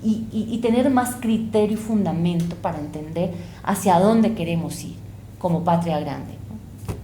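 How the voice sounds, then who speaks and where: A woman from El Salvador and Colombia speaks as an interview guest, earnest and impassioned, reflecting aloud. Her voice is mellow and darkish, and the room around her is echoey, with a faint hiss behind. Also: lowish voice, moderate pace. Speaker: guest, university lecturer and researcher. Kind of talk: conversational interview.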